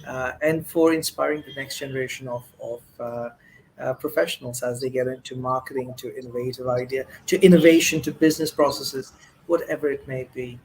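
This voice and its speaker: A man's voice: medium pitch, steady tone, a little fast, slight background noise, rough recording. A man hosting an interview show, effusive and full of thanks, with fillers and restarts. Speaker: host.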